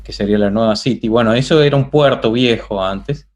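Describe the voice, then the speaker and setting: A man's voice: mid-range voice, a little fast. An Argentine man with an Argentine Spanish accent, a guest chatting casually in an interview, rambling with many fillers and restarts.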